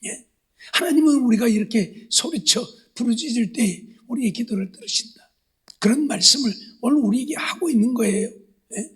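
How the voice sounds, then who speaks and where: A male pastor delivers an animated sermon in a church. His voice sits high and carries a strong breathy rasp. He acts out the people he quotes and swings between near-whispers and loud urging. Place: church sanctuary.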